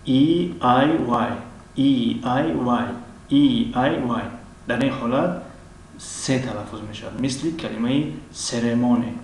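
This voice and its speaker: A man with a Tajik accent teaching an English lesson. He pauses often with drawn-out fillers, clears his throat, and repeats each example word slowly. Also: medium pitch. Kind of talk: language lesson. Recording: very echoey room, mic at a distance, faint background noise.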